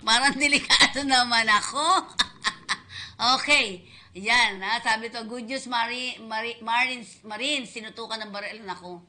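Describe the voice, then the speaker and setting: Brief: Filipino woman radio host, very bright and ringing voice, a bit high, chatty, keeps checking in with listeners, faint music behind. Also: a little slow, a little hiss or hum. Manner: chatty, asks listeners "di ba?" often, laughs. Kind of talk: casual advice talk on radio.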